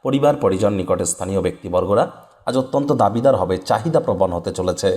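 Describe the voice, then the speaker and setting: A man presenting a daily horoscope as a channel host, reading a script in a brisk, declamatory way straight to viewers. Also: fairly low pitch, expressive, darkish tone. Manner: brisk, declamatory delivery, addressing viewers directly.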